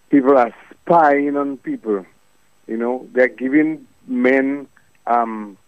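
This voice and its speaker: A man's voice: medium pitch, no room sound. A man calling in to a radio show, chatty and rambling. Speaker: caller. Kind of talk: casual call-in chat. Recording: dry tinny phone line.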